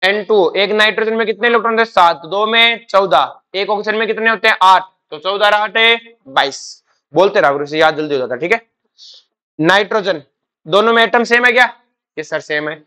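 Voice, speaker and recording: Here a male chemistry teacher uses a high, bright, forceful voice that stays smooth at a moderate pace. He tests his students with repeated questions during the lecture, answering each one himself and calling them "beta".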